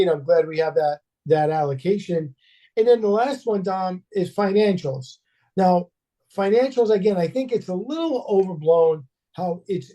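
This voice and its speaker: A man's voice: high-pitched, mellow. A man co-hosting a casual market discussion, asking questions with wry asides. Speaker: co-host, financial advisor.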